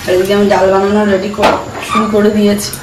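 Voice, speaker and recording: A woman's voice: medium pitch, level tone, quick pace, echoey room, very noisy. A woman chatting casually while cooking for a family vlog. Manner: bossy, scolding a child at mealtime. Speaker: family vlogger.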